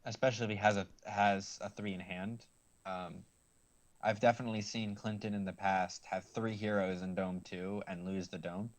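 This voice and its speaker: A man commentating a card game stream, explaining plays in a measured, slightly hesitant way. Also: fairly low pitch, level tone.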